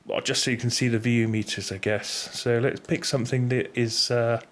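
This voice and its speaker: Speaking at a moderate pace, a middle-aged British video host runs through an unscripted, casual gear review, meandering and unsure, repeatedly correcting himself. His medium-pitched voice holds a steady tone and sounds a bit bright. Clear background noise and room ambience are audible.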